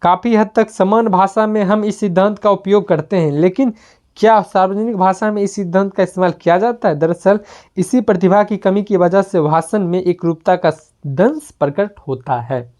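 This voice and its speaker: A woman reading a self-help book aloud in a steady manner, with small slips and restarts. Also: mid-range voice, normal speed. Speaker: book reader.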